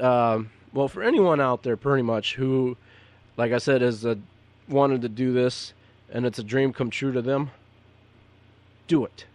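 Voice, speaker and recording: A man's voice: mid-range voice, no room sound. A man who is a podcaster and DJ, talking unscripted and giving advice to other podcasters in a rambling, repetitive, earnest way. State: hiccups.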